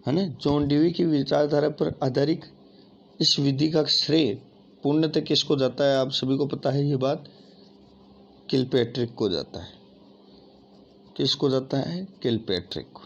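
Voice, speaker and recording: A man's voice: a little high, fairly even intonation, a little slow, gravelly, long pauses. A man teaching an exam-prep lesson, addressing listeners as friends and asking and answering his own questions. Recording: dull lo-fi audio with faint noise.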